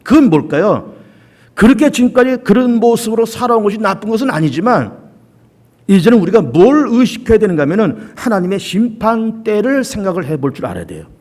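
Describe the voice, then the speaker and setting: Male pastor in the pulpit, high and animated voice, repeats key lines for emphasis. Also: a little fast. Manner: emphatic repetition and rhetorical questions. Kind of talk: sermon.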